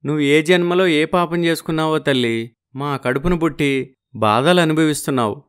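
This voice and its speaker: A man voicing a poor, humble village father in an animated storybook, talking in an earnest, pleading way. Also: fairly high pitch, normal speed, clear, resonant tone, lightly acted.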